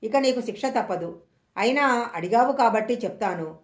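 A stern, defiant queen from an old tale, read by a woman storyteller in her own voice. Her fairly high voice rings with a roomy echo. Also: expressive, moderate pace, lightly acted. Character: proud queen warning her abductor, defiant. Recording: echoey room.

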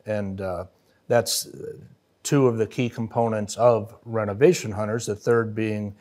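A middle-aged man hosting a studio podcast, easygoing and affirming as he leads the conversation on a boom-arm mic. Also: fairly even intonation, unhurried, a little mellow. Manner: affirming, easygoing, laughs often. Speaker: podcast host. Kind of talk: casual interview chat. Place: wood-paneled podcast studio.

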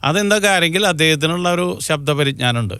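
A man's voice: on the high side, animated, brisk, bright, forceful tone, clean tone, dry recording, studio quality. A man with a Malayali accent, a folk singer explaining voice and music in a radio interview. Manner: earnest, explanatory, sings short phrases to illustrate.

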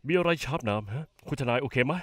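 An actor playing a smug, scheming in-law who taunts and mocks in a dubbed soap opera. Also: male voice, medium pitch, animated, fast, fairly bright tone, no room sound, studio quality, close to an everyday voice. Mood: taunting. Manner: mocking, taunting.

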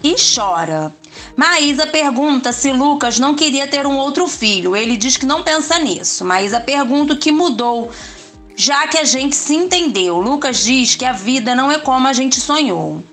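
A woman's voice: high-pitched, expressive, moderate pace, a bit bright, soft background music. A woman with a Brazilian Portuguese accent narrating a soap opera recap in plain storytelling, reading out the characters' lines in her own voice.

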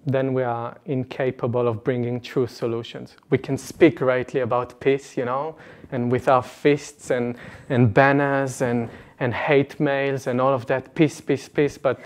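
A young man in his late twenties speaks earnestly to a live audience, animated and laughing lightly between points. His voice sits at an ordinary middle pitch and is picked up close by a lapel mic in an indoor meeting room. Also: a little slow. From Israel. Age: late 20s. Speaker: retreat speaker. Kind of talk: personal talk to a live audience.

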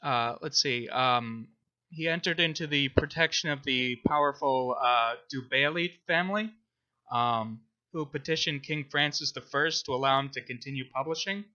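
Co-hosting a podcast about a book, this man has a medium-pitched voice that is notably bright and sharp. His speech stumbles along, full of ums and uhs, and the audio quality is somewhat lo-fi.

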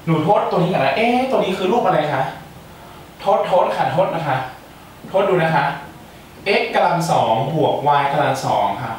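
A man's voice: fairly high pitch, expressive, moderate pace. Young male student tutor, playful and talkative; distant mic in a roomy space. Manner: playful, chatty, joking asides to students. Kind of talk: exam-prep math lecture. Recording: echoey room, mic far off, faint hiss.

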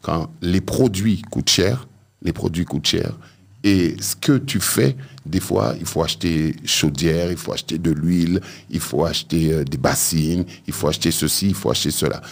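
A deep, gravelly man with a husky edge talks emphatically in a radio studio, leaning on key words and repeating them. He speaks into a studio mic as a vodou priest being interviewed. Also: moderate pace. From France. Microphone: studio mic with headphones.

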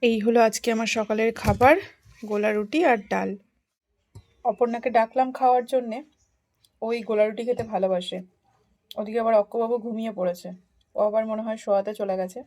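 A woman's voice: fairly high pitch, fairly even intonation, a little fast, pauses often, a little mellow. A woman vlogger casually narrating her day at home, talking straight to her viewers in a chatty, homely way. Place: at home, in the kitchen.

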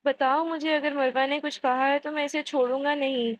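A woman's voice: high-pitched, steady tone, dull audio, a little hiss or hum, close to an everyday voice. A woman reading the lines of a stubborn, devoted boy who pleads and protects in a storybook reading. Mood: protective. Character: stubborn devoted young boy, later young man.

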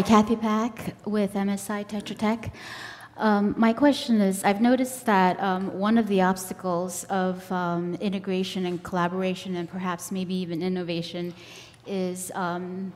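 A woman in her thirties from the audience asking a measured question with some fillers at a table microphone. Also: lowish voice, little pitch movement. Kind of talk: conference question. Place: conference room table. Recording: long reverb of a hall.

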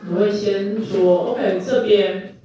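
A man's voice: high-pitched, steady tone, slow pace, warm tone, a little hiss or hum. A male university lecturer, teaching a class and quizzing students with repeated questions. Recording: echoey room, distant mic, muffled.

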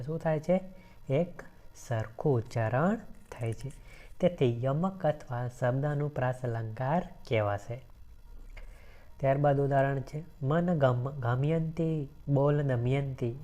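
A woman teaching a grammar lesson for exam preparation, asking questions and answering them herself and repeating each example slowly. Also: extremely low pitch, mellow.

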